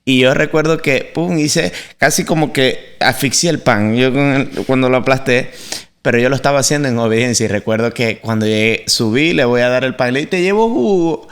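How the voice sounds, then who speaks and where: A man co-hosting a faith podcast, telling a personal story in a casual, animated way and putting on voices when he quotes others. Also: mid-range voice, brisk, smooth. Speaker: podcast co-host.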